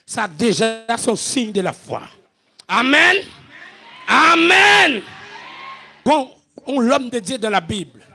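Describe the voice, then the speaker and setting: High, gravelly Haitian preacher. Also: male voice, expressive, moderate pace. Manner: shouting, chanting preacher with sung calls. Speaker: pastor. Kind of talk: sermon.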